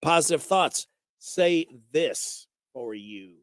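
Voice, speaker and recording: A man's voice: fairly high pitch, expressive, slow pace, no echo. A man hosting a local morning radio show, announcing items in a studio.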